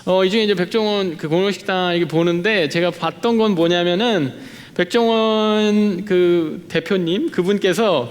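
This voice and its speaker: A man in his late thirties preaches to young adults in a loose, chatty way, stopping and restarting often and poking fun at himself. His voice sits high for a man, and a long reverb trails behind him in a church hall. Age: late 30s. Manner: chatty and self-deprecating, many fillers and restarts. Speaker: youth pastor. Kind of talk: conversational sermon. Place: church sanctuary.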